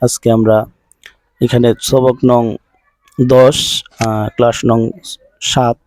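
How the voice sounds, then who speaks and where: A man's voice: medium pitch, mellow, no room sound, poor audio. A man teaching Quran pronunciation, patiently drilling each syllable and repeating it several times. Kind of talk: online pronunciation lesson.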